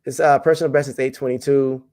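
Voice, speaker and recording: A track and field jumps coach talks loosely in a podcast interview, his mid-range voice moving fast. He's relaxed and rambling, with many fillers and restarts.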